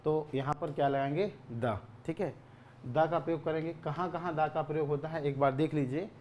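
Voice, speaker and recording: A man's voice: fairly high pitch, steady tone, moderate pace, a little mellow, slight background noise. Man teaching grammar, repeating key points. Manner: repeats key words, asks and answers own questions; clears throat often. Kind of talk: grammar lesson.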